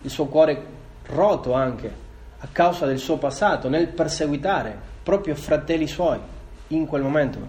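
A man preaches a sermon with a voice on the higher side for a man. He reads verses aloud between his comments and speaks straight to his listeners. He often poses a question and then answers it himself. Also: measured pace, a little mellow. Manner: addresses listeners directly, asks and answers own questions.

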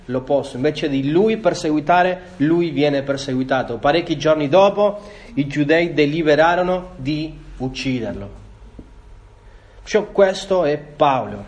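A man preaches a sermon with a voice on the higher side for a man. He reads verses aloud between his comments and speaks straight to his listeners. He often poses a question and then answers it himself. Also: a little mellow. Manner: addresses listeners directly, asks and answers own questions.

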